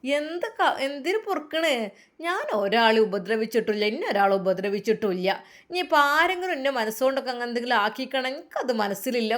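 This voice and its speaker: Fussy kindly old auntie, coaxing questions, malabar accent, high voice, woman doing her. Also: close to an everyday voice. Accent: Malabar Malayalam. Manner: warm scolding, coaxing questions. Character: older woman, kindly motherly matriarch Aishumma.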